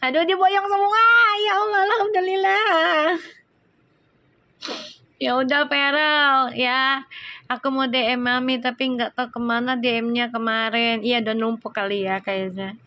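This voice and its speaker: Woman, tarot reader on a live stream, high voice, dry close sound, effusive exclamations. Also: bright, forceful tone, no echo. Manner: effusive, exclaims religious praise often. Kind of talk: casual live-stream chat.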